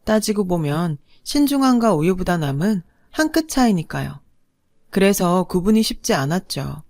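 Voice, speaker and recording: A woman's voice: lowish voice, big pitch swings, normal speed, a little mellow, dry recording, clean studio sound. A woman telling her own family story in a blunt, frank first-person narration.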